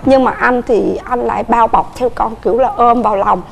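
A woman with a Southern Vietnamese accent, a guest on a TV couples show, telling her family story quickly and earnestly in a studio. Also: on the high side, fairly even intonation, vocal fry, a little hiss or hum. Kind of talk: emotional personal storytelling.

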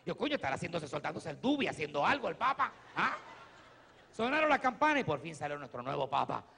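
A Puerto Rican comedian performing stand-up on a theater stage, talking in a lively way with big swings in his voice. His tone is fairly high and gravelly, and it rings with a long echo off the hall. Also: quick pace, a little hiss or hum. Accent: Puerto Rican Spanish. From Puerto Rico. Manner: animated, swings from low asides to loud shouts.

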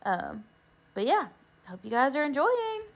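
A woman's voice: high-pitched, big pitch swings, measured pace. A woman in her thirties, a mother, chatting casually and encouragingly as she narrates her cleaning routine, with frequent "um"s. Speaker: cleaning vlogger, mom.

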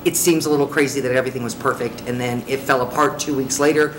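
A woman's voice: very deep voice, steady tone, fast talker. A woman on a city council, blunt and frustrated, questioning a presenter. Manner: blunt, frustrated, plain-spoken. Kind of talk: questioning at a public council meeting. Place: large council chamber, seated at the dais. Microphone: desk microphone. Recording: echoey noisy council chamber.

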